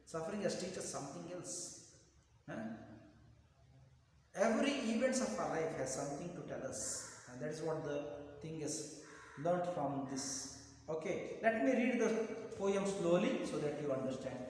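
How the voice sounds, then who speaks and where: A man's voice: on the high side, lively intonation, normal speed, a little mellow, very echoey, long reverb tail, a little hiss or hum, low-quality recording. A man teaching a poetry lesson, explaining and often repeating lines and asking "huh?".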